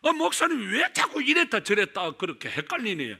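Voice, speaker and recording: Fuming middle-aged church deaconess, loud and agitated, as a male preacher puts her on; high, forceful delivery. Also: huge pitch swings, fairly quick, gravelly, slightly rough, full character voice. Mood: flustered.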